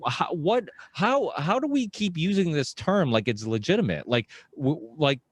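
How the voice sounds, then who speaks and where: A man in his thirties, a podcast host born in Portugal, talking in an animated, rambling way with mocking asides, on a headset and studio mic in a small home studio. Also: on the high side, moderate pace, no room sound. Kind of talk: casual interview chat. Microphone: headset and studio microphone on boom arm.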